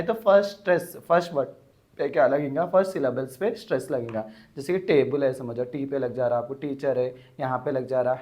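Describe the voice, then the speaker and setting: Man teaching exam grammar, slow repetitions. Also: fairly high pitch, darkish tone. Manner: explains step by step, repeating words slowly. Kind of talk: exam-prep grammar lesson.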